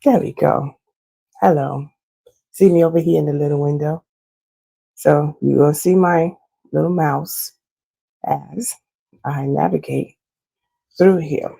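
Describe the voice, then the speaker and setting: A woman with a hoarse, gravelly voice chats her way through a casual screen-share walkthrough. Her tone is mellow and husky and sits fairly low. She explains things at length and leans on fillers as she goes. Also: steady tone, slow pace, pauses often. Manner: chatty and explanatory, with frequent fillers. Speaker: loctician walking clients through her website.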